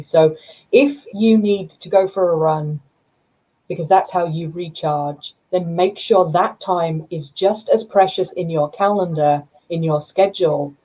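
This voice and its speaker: 低めで柔らかく、かすれ気味の声の女性. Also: female voice, on the low side, dark tone, poor audio. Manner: direct, challenging advice. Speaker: co-host of a business talk show. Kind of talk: casual panel chat.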